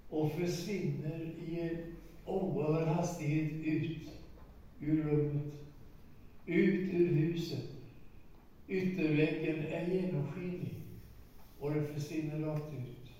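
A man in his nineties telling a story in a sermon, emphatic and slowing down for weight. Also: fairly high pitch, steady tone, dark tone. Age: 90s. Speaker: preacher. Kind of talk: sermon testimony. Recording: echoey hall, distant mic, faint noise.

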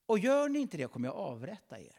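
A man's voice: sits high, wildly swooping pitch, long reverb tail, voice pushed up, exaggerated voice. A man preaching a sermon, voicing an angry, threatening ancient king. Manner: loud, threatening.

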